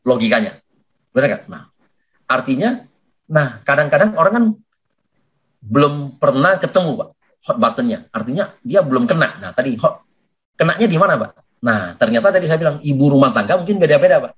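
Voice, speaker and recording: A man giving a lively sales coaching talk for network marketing, who often addresses his listeners as sir and acts out sales conversations. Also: mid-range voice, brisk, long pauses. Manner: animated, addresses listeners as "Pak" constantly.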